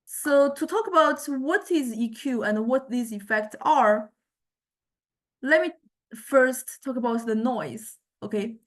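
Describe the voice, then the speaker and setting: An expressive woman lecturer, her voice somewhat high, narrates a casual software demonstration. She halts often, thinking aloud and fumbling for the proper words as she explains.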